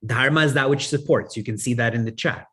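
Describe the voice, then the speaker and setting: This spiritual teacher, a native English speaker, speaks briskly in a medium-pitched, fairly bright voice with a breathy edge. He asks the audience questions, answers them himself, and chuckles frequently.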